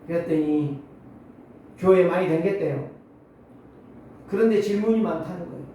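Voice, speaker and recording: A man in his sixties preaching a Sunday sermon, swinging between loud exclamations and low asides. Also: normal speed, a little hiss or hum. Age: 60s. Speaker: pastor. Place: church sanctuary. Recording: very echoey hall, mic at a distance.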